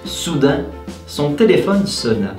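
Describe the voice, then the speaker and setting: A man reads a goofy mad lib, his pitch jumping all over as he laughs and yells through it. The room is echoey, with faint music underneath. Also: very animated, slow. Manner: laughs and shouts often while reading. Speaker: host reading a mad lib. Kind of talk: casual comedic game reading.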